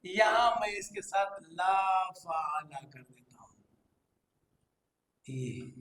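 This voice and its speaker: A man's voice: high voice, expressive, extremely slow, fairly bright tone, roomy sound, slight background noise, poor audio. A man with an Urdu accent teaching Quranic Arabic grammar in an online class, drilling verb forms aloud and praising his students.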